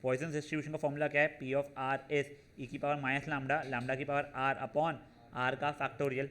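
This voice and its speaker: Man, math teacher, classroom lecture, slows down on formulas, talks to students as his kids. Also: medium pitch, flat delivery, fairly bright tone. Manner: calls students "beta", checks in with "theek hai na"; works through formulas step by step, slowing on them.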